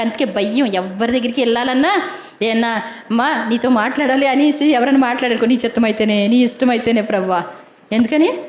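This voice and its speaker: A woman's voice: on the high side, echoey room. A woman preaching a sermon in a chatty, colloquial way, keeps asking her congregation questions.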